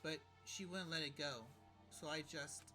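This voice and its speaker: A man voicing a guilt-ridden teen girl in a soft, subdued tone, with game music behind. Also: a little high, steady tone, measured pace, close to an everyday voice.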